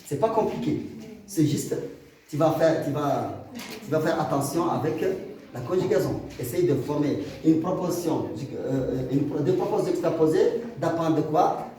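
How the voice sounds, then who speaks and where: Male teacher, high voice, quizzing the class with examples; recorded from far off in an echoey room with a crowd behind. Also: moderate pace, mellow. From Mauritania. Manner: explains with examples, asks the class questions. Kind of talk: classroom grammar lesson.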